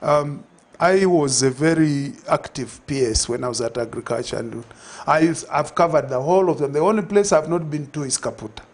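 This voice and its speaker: Wearing a lapel mic, an older Zambian guest in a TV studio interview reflects aloud, restarting often and using many fillers. His fairly high voice goes fairly quickly and rarely pauses in this conversational exchange.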